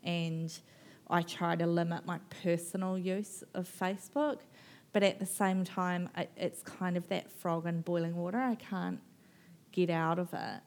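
A woman's voice: on the low side, level tone, a little slow, a little mellow. A woman author in her thirties from New Zealand, talking animatedly and rambling at a live festival conversation, laughing and mimicking people. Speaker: author guest.

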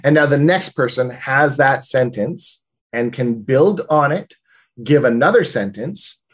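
Casual male co-host, mid-pitched, informal storyteller chatting about tabletop games. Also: animated, a little slow, husky. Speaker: podcast co-host and game master.

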